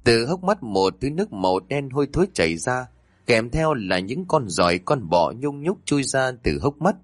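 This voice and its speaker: A man narrating a ghost story in an expressive, dramatic way. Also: mid-range voice, normal speed, dry recording, studio quality.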